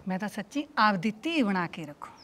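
A woman's voice: mid-range voice, sing-song, fairly quick, pushed and bright. Lady playing an older mother-in-law, protesting, coaxing her son.

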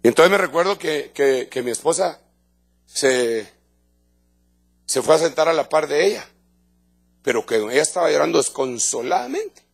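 A middle-aged Guatemalan pastor preaches to his congregation in an emphatic, conversational way, repeating phrases and restarting his sentences. His voice sits high for a man, with a gravelly, husky edge. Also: sing-song, normal speed, pauses often. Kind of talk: evangelical sermon. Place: church in front of a congregation.

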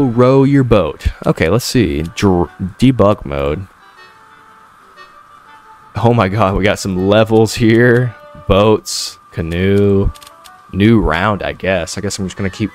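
A man's voice: deep voice, unhurried, faint music behind. A man streaming a horror game with scared, jittery reactions, repeating himself and speaking in profane, slangy commentary.

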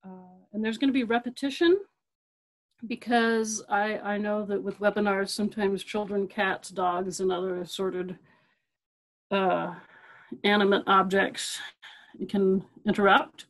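This middle-aged woman librarian delivers a webinar over a computer mic, and the audio quality is poor. Her medium-pitched voice barely varies in pitch and runs a little slow, while her conversational talk is loose, with many fillers, restarts and repeated key points.

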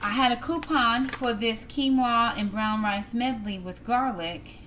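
A middle-aged woman talks her viewers through a home-cooked meal, calling them "y'all" in an easy, chatty way. Her voice sits at an ordinary pitch. She is picked up by a camera on the kitchen counter, with clear clatter of pans, dishes and cutlery behind her. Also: noisy background. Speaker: cooking vlogger. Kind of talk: casual cook-with-me narration.

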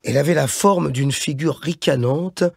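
A man reading a novel aloud as an audiobook narrator, in measured scripted narration on a close studio mic. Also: a little high, creaky, slightly rough, no room sound.

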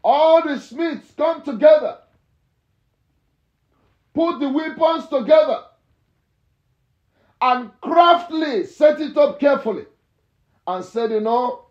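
A male pastor preaching a fervent morning sermon and prayer, repeating phrases and breaking into shouts. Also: high voice. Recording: echoey, dull lo-fi church recording.

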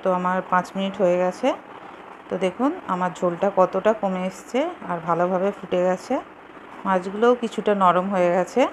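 In a home kitchen, a woman hosts a home recipe video, walking through cooking steps casually and in simple words. Her voice is lowish and fairly quick, with fairly even intonation. The recording is clearly noisy.

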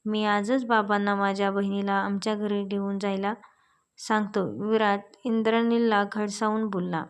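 A woman narrating a romantic story as a storyteller, reading every character's lines in her own even voice. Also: mid-range voice, normal speed, clean tone.

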